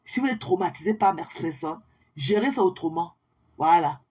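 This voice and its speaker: Young woman, husky, scornful livestream ranter who taunts her critics and mixes in English. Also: lowish voice, animated, normal speed, darkish tone. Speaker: social media livestreamer. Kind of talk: ranting monologue to viewers.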